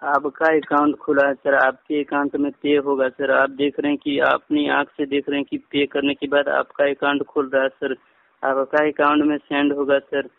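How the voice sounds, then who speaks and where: Over a phone line, a man acting as a customer care agent speaks in a mid-range, monotone voice at moderate pace, with vocal fry and no echo. He's insistent, repetitive and persuasive, politely calling the listener sir.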